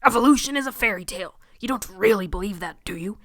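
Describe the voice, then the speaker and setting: A woman's voice: medium pitch, animated, fast, dry recording. Storybook big friendly preacher man played by a woman, earnest, kindly, pious, very dry sound.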